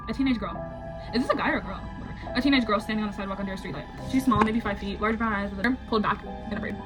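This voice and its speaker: A woman's voice: medium pitch, low-quality recording. A woman reading horror stories aloud for a vlog, breaking off now and then for joking asides.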